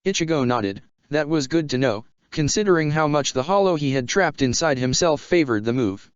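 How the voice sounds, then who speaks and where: A man reading a fan fiction story aloud in a steady, even way. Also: a little high, normal speed, clean tone, no room sound. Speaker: narrator. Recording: dull lo-fi sound.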